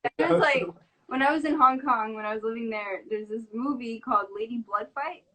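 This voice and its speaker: A woman's voice: a little high, a little fast, sharp tone, low-quality recording. A young woman chatting casually and lightheartedly, laughing easily. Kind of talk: casual chat.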